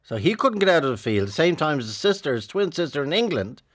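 A man's voice: fairly high pitch, sing-song, quick pace. An Irish man hosting a radio show, interviewing guests in a conversational style. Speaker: radio host.

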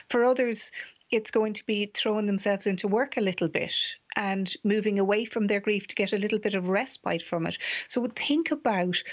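A woman's voice: mid-range voice, highs cut off. A woman with an Irish accent explaining as an expert guest, building her advice from lists and questions. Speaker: psychologist guest.

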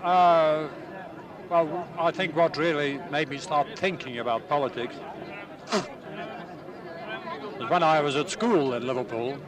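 Older man from Ireland, veteran interviewee, unhurried recollection, slightly high voice, busy outdoor crowd behind. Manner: plain, unhurried storytelling with hesitations. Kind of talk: recalling memories in an interview. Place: outdoors at a busy city gathering. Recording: distant mic, crowd noise behind.

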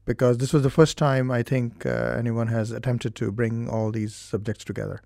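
A man with an Indian accent explains his work slowly and carefully, with frequent pauses. His voice is gravelly and mellow, recorded dry and close in a studio. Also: medium pitch, level tone, no room sound. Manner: measured, explanatory, with hesitations. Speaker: doctor and therapist. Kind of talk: studio interview.

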